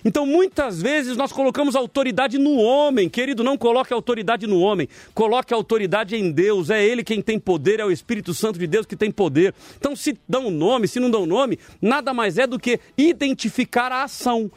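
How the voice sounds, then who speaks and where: A man, a pastor hosting a debate show, telling stories and exhorting listeners in an animated, emphatic preaching style. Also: very high voice, fairly quick, few pauses, dry recording.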